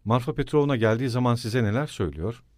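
A man voicing a tense, agitated young male student in an audiobook reading, asking sharp, clipped questions. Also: medium pitch, expressive, fast, no echo, clean studio sound, close to an everyday voice.

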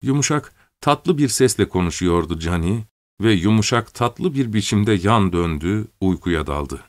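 A man reads a story aloud at a steady, measured pace. His voice sits fairly low, and the recording is dry and close with no room sound. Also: no echo. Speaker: narrator. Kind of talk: scripted audiobook narration.

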